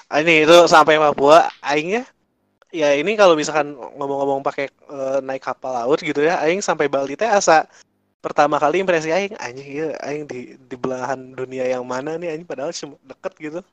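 A man's voice: a little high, fairly quick, a bit bright, dry recording. A young man with a Sundanese accent, a podcast co-host chatting casually with slangy, laid-back reactions.

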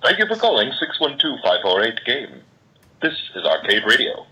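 A man's voice: medium pitch, huge pitch swings, moderate pace, music in the background, low-quality recording. A man giving a recorded voicemail greeting, heard over a landline phone.

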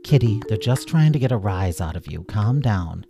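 A man voicing a gentle, timid female bunny who pleads politely in a storybook reading. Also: lowish voice, lively intonation, moderate pace, gravelly. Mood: soothing. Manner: soft, pleading.

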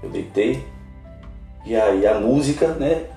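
Man, guest missionary, earnest testimony, heard from a distance in a roomy space with soft music. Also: medium pitch, lively intonation, slow pace. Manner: earnest, emotional storytelling. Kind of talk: personal testimony in a podcast interview.

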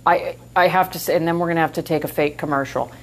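Woman, New York accent, podcast co-host, casual chat, storytelling, lowish voice. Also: steady tone, fast, low-quality recording. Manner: chatty, storytelling, self-mocking.

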